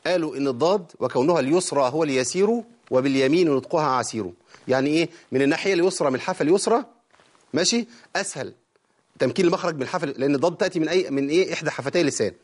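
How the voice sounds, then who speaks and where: A man's voice: on the high side, expressive, rapid-fire. A man with an Egyptian accent teaching Quran recitation rules. He often asks a question and answers it himself, and he demonstrates the sounds as he goes. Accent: Egyptian Arabic. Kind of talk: lecture on recitation.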